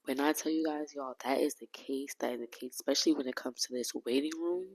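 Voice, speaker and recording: A woman's voice: rumbling low, fairly even intonation, fast, darkish tone, low-quality recording. A woman hosting her own podcast, talking candidly in a heartfelt, rambling way with casual slang and frequent restarts. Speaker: podcast host.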